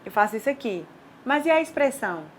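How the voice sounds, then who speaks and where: Brazilian woman teacher, kinda high voice, explains patiently, asks "ok?" a lot, faint hiss behind. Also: very animated, fast. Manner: explanatory, checks understanding with frequent "ok?". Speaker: sign language teacher. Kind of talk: recorded online lecture. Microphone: studio lecture recording.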